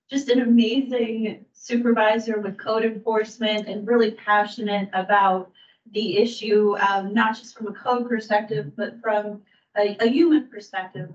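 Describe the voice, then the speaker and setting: At a public meeting, a staff member of the county aging services bureau delivers an update. Her voice sits fairly high, and her measured delivery is broken by many ums and restarts; the audio is dull and roomy, picked up from a distance.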